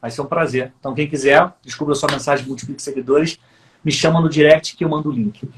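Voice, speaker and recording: A man's voice: on the high side, fairly even intonation, quick pace, slight background noise. A man hosts a casual faith conversation and explains things patiently, like a teacher. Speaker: host.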